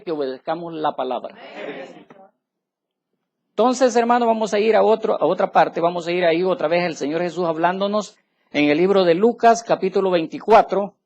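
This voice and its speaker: A man preaching an emphatic sermon, his voice gravelly with a rough fry. The recording sounds dull and lo-fi, as if taped in a church. He keeps checking with his listeners that they follow. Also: sits high, normal speed, a little mellow. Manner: emphatic, asks listeners "¿me entiende, hermano?". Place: church tabernacle.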